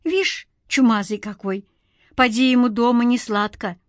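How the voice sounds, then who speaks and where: A woman's voice: on the high side, a little slow, no room sound, clean studio sound, close to an everyday voice. A woman voicing a playful, affectionate young woman in an audiobook. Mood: impatient. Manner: teasing, coaxing. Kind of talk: audiobook character voice.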